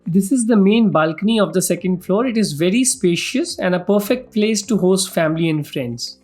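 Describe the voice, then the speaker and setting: A man's voice: high-pitched, animated, moderate pace, darkish tone. Indian-accented man presenting a property tour, music behind. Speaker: property vlog host. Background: background music.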